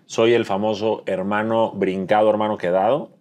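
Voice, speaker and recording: A seated Mexican man in his thirties answers interview questions in a lowish voice. He is reflective, circling back and filling pauses as he reaches for the right phrase. The setting is a dim studio. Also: level tone, darkish tone. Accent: Mexican Spanish. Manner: thoughtful, searching for words with fillers. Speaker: interview guest, entrepreneur. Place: dim studio set with dark curtains.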